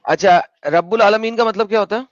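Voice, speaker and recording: A man hosting an argumentative online debate, pressing his opponent with questions and spelling his points out slowly over a call. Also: high-pitched, no echo, highs cut off.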